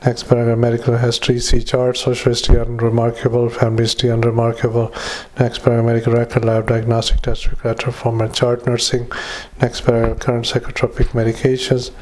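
Male clinician, dictaphone dictation, monotone, halting with fillers, reads punctuation aloud. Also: medium pitch. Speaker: psychiatric clinician.

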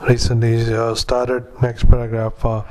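A man working as a clinician dictates a medical note in halting fragments, speaking punctuation aloud. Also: medium pitch. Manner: halting, flat, monotone delivery in short fragments. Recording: clearly noisy recording with background ambience.

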